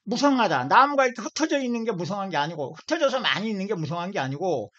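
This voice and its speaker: A man's voice: high voice, sing-song, fast talker, fairly bright tone. A man from Seoul giving an informal video lecture, emphatic, often repeating and stretching out single words. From Seoul, South Korea. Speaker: lecturer on language origins. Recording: dull lo-fi audio.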